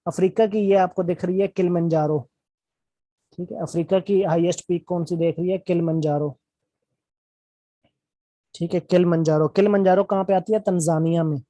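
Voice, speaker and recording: Man lecturing a class, warm mellow tone, dry close sound, patient and repetitive. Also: fairly high pitch, dry recording. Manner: explains slowly with constant check-ins and repetition. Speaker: teacher.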